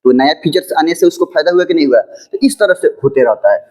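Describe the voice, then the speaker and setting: A man with a fairly high voice gives an informal classroom lecture. He asks his students rhetorical questions and repeats phrases as he explains. English textbook lines come out slow and deliberate. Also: expressive, dark tone, low-quality recording. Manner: mixes English textbook lines into his speech, read slowly. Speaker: teacher.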